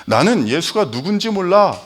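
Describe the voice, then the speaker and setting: A man voicing the apostle Peter as a frightened man flatly denying he knows his teacher. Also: sits high, moderate pace, pitched above the performer's own voice.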